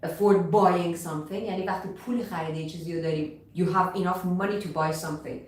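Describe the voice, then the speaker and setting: A woman with a Persian accent teaching English on a live stream, lively and drawing out her English words slowly and with stress. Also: fairly low pitch, distant mic. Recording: echoey room, voice a little off-mic.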